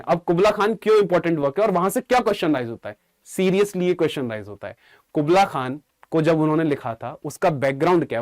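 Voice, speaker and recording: A man's voice: on the high side, no room sound. A young man with an Indian accent teaching English literature in a chatty, informal exam-prep lecture. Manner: chatty, informal, jokes with students.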